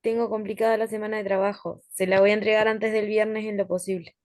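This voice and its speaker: A woman's voice: mid-range voice, level tone, fast talker, a little mellow. A woman student comes through a speakerphone, faint and distant, as if far from the mic. She keeps her words brief and matter-of-fact in an online class. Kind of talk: casual talk in an online class.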